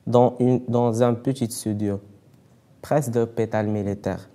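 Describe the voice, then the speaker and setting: A man's voice: medium pitch, fairly even intonation, unhurried, dark tone. A teenage boy from Morocco reading a letter aloud, plainly and evenly.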